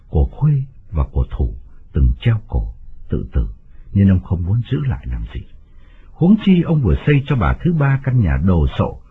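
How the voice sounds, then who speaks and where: Expressive male storyteller, tinny audio. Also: deep voice. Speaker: narrator. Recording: tinny phone-like sound, faint music.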